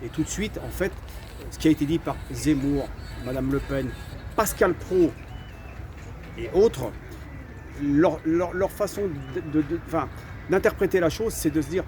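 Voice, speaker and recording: A French channel host of Algerian heritage, raised in France, gives his opinions in casual talk, hesitating, repeating words and often saying "voilà". His voice is on the high side and darkish, a little slow, with slight background noise.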